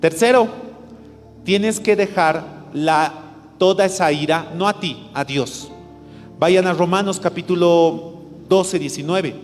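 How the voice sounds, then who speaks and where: A Bolivian man preaching a sermon in a fairly high voice, putting questions to his congregation and answering them himself. His voice carries a long echo through the church hall, with faint music underneath. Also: slow. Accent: Bolivian Spanish. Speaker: pastor.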